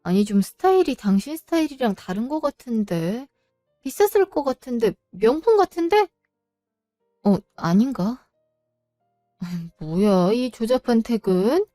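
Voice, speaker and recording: A woman's voice: a little high, sing-song, unhurried, mellow, no room sound, studio quality, faint music behind. A woman narrating an audio drama story as a wife, probing and teasing in a suspicious way.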